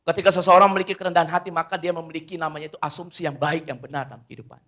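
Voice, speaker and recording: A middle-aged man preaching a sermon as pastor, swinging between loud emphatic lines and quiet asides, often calling the listeners "saudara". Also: fairly high pitch, fairly even intonation, rapid-fire.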